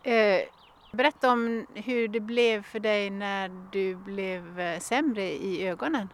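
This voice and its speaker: Soft-spoken female interviewer. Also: medium pitch. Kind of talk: interview questions.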